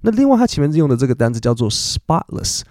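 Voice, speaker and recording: A man's voice: on the high side, sing-song, fast, mellow, no room sound, clean studio sound. A man, hosting a casual podcast lesson and explaining English words in a chatty way full of fillers. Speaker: podcast host and English teacher.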